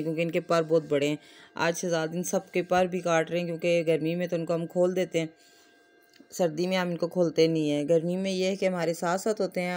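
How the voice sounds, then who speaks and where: A woman with a Pakistani accent and a lowish, darkish voice narrates her day as a family vlogger. Her casual, chatty voice-over runs one story into the next as she explains everyday family life.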